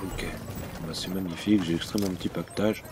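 A man's voice: sits low, steady tone, brisk, background noise. A man from France giving casual let's-play commentary as a gaming channel host, chatty and informal, with lots of hesitations.

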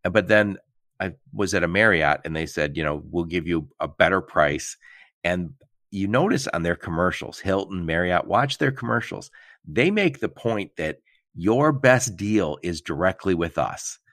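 A man's voice: low-pitched, expressive, normal speed, fairly bright tone, no room sound, studio quality. A man hosting a podcast interview, chatty, laughing often and acting out quotes in casual talk. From Michigan. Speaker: podcast host.

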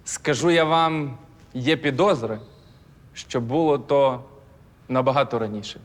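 A man's voice: medium pitch, measured pace. Joking male quiz contestant. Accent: Ukrainian. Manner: joking, thinking aloud. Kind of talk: casual quiz answering. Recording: studio with long reverb.

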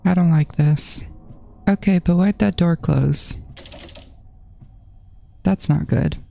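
Slow, low-voiced woman narrating horror gameplay. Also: gravelly, dark tone. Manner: jittery, repeats panicked phrases. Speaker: gaming channel host. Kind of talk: horror game playthrough commentary. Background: faint background music.

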